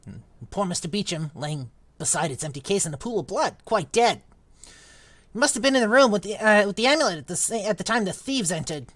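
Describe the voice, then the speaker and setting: A woman's voice: medium pitch, animated, a little fast, a bit bright, no room sound. A woman voicing a fussy, gossiping male spirit shopkeeper who fawns and trails off as he talks. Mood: mournful. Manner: gossipy, fawning, hesitant. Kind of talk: reading a novel aloud.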